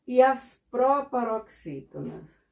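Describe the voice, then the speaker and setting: Slow, patient woman teaching. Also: on the high side, big pitch swings, gravelly, darkish tone. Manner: slow, patient, repeats examples and checks understanding. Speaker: Portuguese teacher. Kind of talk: classroom explanation.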